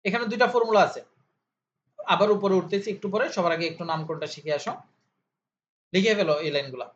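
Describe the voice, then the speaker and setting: Fast and animated, a high-voiced male chemistry tutor leads an informal lesson. He poses questions and answers them himself, drilling key terms through repetition. The audio is slightly dull, with a faint hiss.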